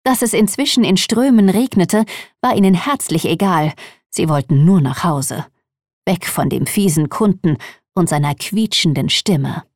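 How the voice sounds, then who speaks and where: A woman's voice: fairly low pitch, lively intonation, measured pace, darkish tone, no echo, studio quality. Woman reading a children's story aloud. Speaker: narrator. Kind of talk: children's audiobook narration.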